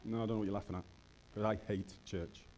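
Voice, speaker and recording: A man's voice: on the low side, fairly even intonation, fast, darkish tone, slight background noise. A man delivering a passionate sermon monologue, asking rhetorical questions and building intensity as he goes.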